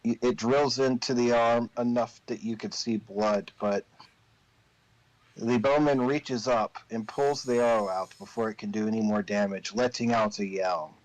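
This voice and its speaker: A man narrating a tabletop game as game master, improvising the story in a deliberate, pausing way. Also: medium pitch, fairly even intonation, no echo, poor audio.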